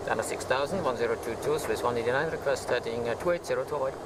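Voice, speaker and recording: A man's voice: medium pitch, racing. A man, a native German speaker, working as an airline pilot, alternating cockpit talk with procedural radio readbacks in a pilot headset setting. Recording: loud aircraft cockpit noise.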